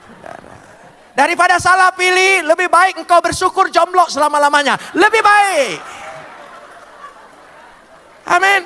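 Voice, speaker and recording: A male pastor preaching a sermon in a playful, lively way, with wordplay and questions thrown to the congregation. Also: very high-pitched, long reverb tail.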